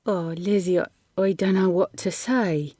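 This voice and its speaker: A woman voicing an earnest, soft-spoken farm boy. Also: fairly low pitch, a little slow, slightly rough, no echo, clean studio sound. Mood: shy.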